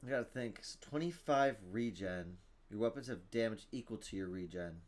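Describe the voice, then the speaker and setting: A man's voice: fairly low pitch, normal speed. Man thinking aloud over a card game. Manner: thinks aloud, reads item text, groans at bad luck. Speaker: gaming streamer. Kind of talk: casual gameplay commentary.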